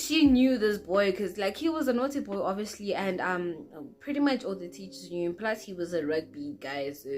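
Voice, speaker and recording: A young woman telling a dramatic, animated storytime to her vlog audience. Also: medium pitch. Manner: animated, dramatic, acts out quotes. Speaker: vlogger. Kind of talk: casual storytime.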